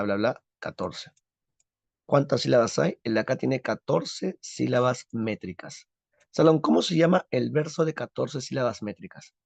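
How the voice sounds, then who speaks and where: A man's voice: medium pitch, gravelly, no echo. A man teaching a literature class, who drills the students with questions and answers them himself. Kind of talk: recorded class lesson. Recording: dull lo-fi, dry.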